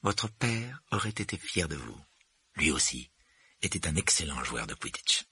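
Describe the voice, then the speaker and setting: Brief: male reader voicing a strict elderly lady professor, clipped and high, raspy edge. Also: sing-song, brisk, pushed and bright, no room sound, heavily acted. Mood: gentle. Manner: curt, commanding. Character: stern elderly female professor.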